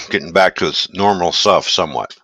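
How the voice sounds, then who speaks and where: A man hosting a casual live stream, chatting in a relaxed, rambling way and greeting viewers while he eats. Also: deep voice, normal speed, slight background noise. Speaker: livestream host.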